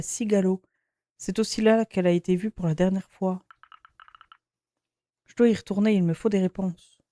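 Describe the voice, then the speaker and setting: A woman reading a determined young heroine's lines from a video game in her own mellow voice. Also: medium pitch, lightly acted. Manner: plain reading of game text.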